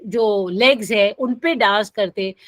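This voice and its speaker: A woman's voice: medium pitch, takes it slowly, a bit bright, no echo. A woman lecturer, teaching a grammar class and reading example sentences aloud with careful stress. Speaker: English lecturer.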